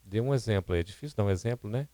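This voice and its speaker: A man's voice: on the low side, rapid-fire, dark tone, dry recording. A Brazilian man teaching a seminar on public speaking, explaining points and asking the audience questions. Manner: didactic, asks the audience questions. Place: seminar hall at a spiritist centre.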